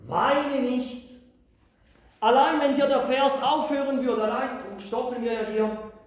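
A middle-aged man preaching a sermon, slow and earnest, building to loud emphatic declarations. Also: extremely high pitch, steady tone. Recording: very echoey hall.

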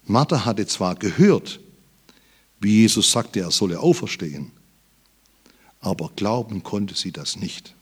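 Guy preaching a sermon real slow, reads scripture, gets loud and emphatic on big lines. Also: lowish voice, expressive, slightly rough. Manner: reads Bible verses aloud.

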